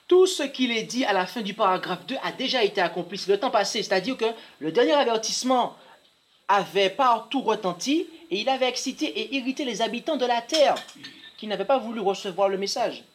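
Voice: medium pitch, expressive, a little fast. Church interpreter reading quotations. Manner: reads quoted passages aloud, restarts words. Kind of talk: sermon interpretation.

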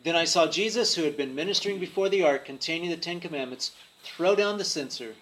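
A man preaching a sermon in short phrases, pausing so an interpreter can translate each line. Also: a little high, fairly bright tone, a little hiss or hum, poor audio.

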